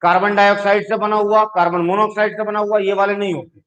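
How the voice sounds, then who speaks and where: Guy giving a chemistry lecture, pretty high voice, patient explainer. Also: flat delivery, fast, fairly bright tone, low-quality recording. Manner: explains patiently, checks in with "ठीक है". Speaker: chemistry teacher. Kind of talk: classroom lecture.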